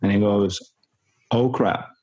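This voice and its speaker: A man's voice: on the low side, steady tone, takes it slowly, breathy edge, highs cut off. A man who works as a performance coach, telling an anecdote in an interview and animatedly acting out the dialogue with frequent chuckles. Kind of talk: conversational storytelling in an interview.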